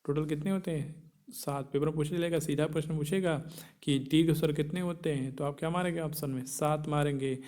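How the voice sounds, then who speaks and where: A man's voice: a little high, fairly even intonation, fairly quick, a little mellow. A male teacher giving an exam-prep grammar lesson, posing questions and answering them himself and repeating key points.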